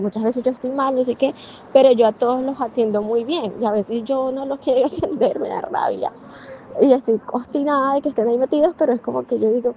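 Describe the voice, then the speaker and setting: A woman's voice: fairly high pitch, gravelly, slight background noise. A young woman, a café waitress casually telling a story, laughing often and acting out what people said. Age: young adult. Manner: chatty, laughs often, acts out quotes. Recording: dull lo-fi sound with faint background.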